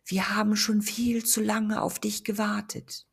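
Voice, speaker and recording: A woman voicing an eerie, pleading ghost in a slow, breathy whisper. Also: medium pitch, flat delivery, pitched above the performer's own voice.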